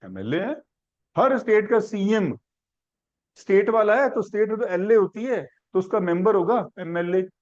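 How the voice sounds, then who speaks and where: A man's voice: high voice, animated, a little slow, darkish tone, lo-fi sound. A man teaching a civics class, asking questions and building the answer step by step through simple examples. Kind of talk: classroom lecture.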